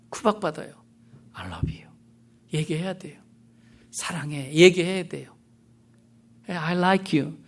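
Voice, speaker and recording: Lively bright-voiced Korean pastor preaching. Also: male voice, a little high. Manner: earnest, conversational preaching with soft asides. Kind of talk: sermon.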